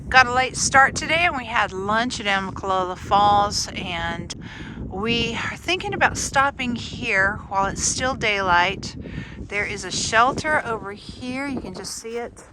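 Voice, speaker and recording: A woman narrates her hike in an unhurried, chatty way, often breaking into laughter. She speaks into a handheld camera outdoors on a mountain trail. Wind and outdoor noise are clearly heard behind her. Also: medium pitch, expressive. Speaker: hiking vlogger.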